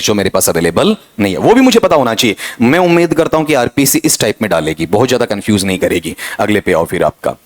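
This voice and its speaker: Man quizzing a grammar class. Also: mid-range voice. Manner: quizzing students with repeated rhetorical questions; reads example sentences slowly and deliberately. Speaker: English grammar teacher. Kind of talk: exam-prep lecture.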